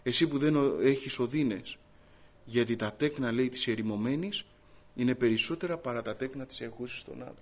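Man, preacher, fervent sermon, exhorting, rises to loud emphasis, mid pitch.

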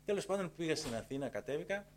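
A middle-aged man telling a personal conversion testimony in a lively way. He repeats phrases for emphasis and acts out the dialogue. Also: fairly high pitch, a little hiss or hum. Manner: acts out dialogue in changing tones. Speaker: church member giving a testimony.

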